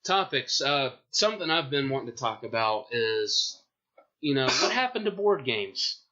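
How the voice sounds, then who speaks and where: A man's voice: medium pitch, very animated, moderate pace, bright, forceful tone. Profane rambling young Southern guy. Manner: rambling, profane, restarts a lot. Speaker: podcast co-host. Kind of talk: casual chat. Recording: dull lo-fi podcast audio.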